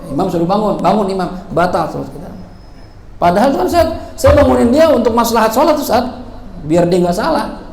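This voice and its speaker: A man's voice: high-pitched, vocal fry, a little mellow. A man teaching religious law in a prayer hall, playful and acting out examples with frequent laughs. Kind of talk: sermon. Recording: echoey hall, faint ambient noise.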